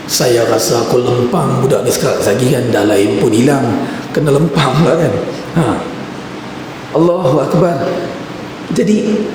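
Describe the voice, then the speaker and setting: A male preacher telling an anecdote in a conversational way during a religious lecture in a mosque. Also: medium pitch. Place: mosque hall. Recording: echoey mosque hall with background noise.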